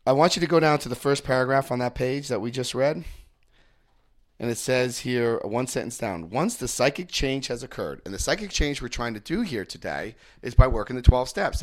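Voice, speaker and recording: The recovery workshop speaker, a man from New Jersey with the accent to match, walks his group through a book with jokes, stories, and frequent check-ins. His voice is mid-range and a bit bright, with lively intonation at a moderate pace.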